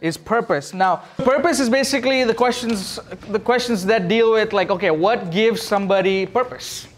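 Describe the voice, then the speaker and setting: A Sri Lankan man who works as a youth pastor teaches casually and interactively, explaining things informally and driving the talk with questions. His voice sits high, and he speaks at a normal speed.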